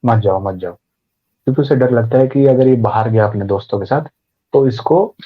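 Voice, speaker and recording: Husky-voiced man explaining meditation. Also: mid-range voice, a little fast, phone-quality sound. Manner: explains with acted inner voices and everyday examples. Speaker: podcast guest, meditation teacher. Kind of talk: conversational explanation.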